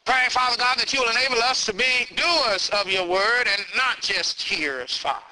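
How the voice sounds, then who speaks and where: A man preaching into a pulpit microphone, his voice pitched very high with a sharp, piercing brightness. He calls out to the congregation again and again and climbs to shouted peaks before settling into prayer. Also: normal speed, poor audio. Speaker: pastor. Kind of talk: sermon then prayer.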